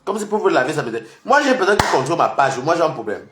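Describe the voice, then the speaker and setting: A man with a fairly high voice rants at his online rivals, taunting and mocking them in repeated jabs. He swings between loud outbursts and low, muttered asides. The recording sits in an echoey room. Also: sing-song, fast, noisy background. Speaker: social media commentator. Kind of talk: confrontational online rant.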